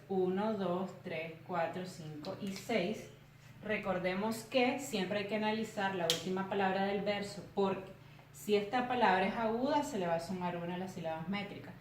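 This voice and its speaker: A woman teacher giving a recorded tutorial lesson, explaining carefully and counting out syllables slowly. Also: medium pitch, slight background noise. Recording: roomy, distant from the mic.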